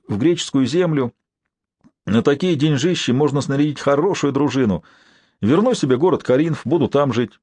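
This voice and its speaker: A man's voice: on the high side, darkish tone, breathy edge, dry recording, studio quality, voice pushed up. A man voicing a swaggering warrior prince in an audiobook, sly and teasing, with a wheedling tone. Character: swaggering prince, sly, mocking, restless adventurer.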